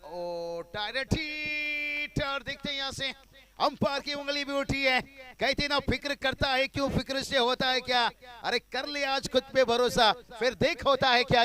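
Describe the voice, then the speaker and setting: A man giving excited cricket commentary, calling the play ball by ball in a dramatic, exclamatory way. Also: very high voice, moderate pace.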